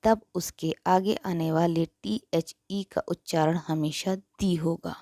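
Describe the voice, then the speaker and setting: Female teacher, measured lesson delivery, unhurried, dry close recording. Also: fairly low pitch, steady tone, mellow, no room sound. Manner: slow, careful explaining. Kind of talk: explanatory lesson.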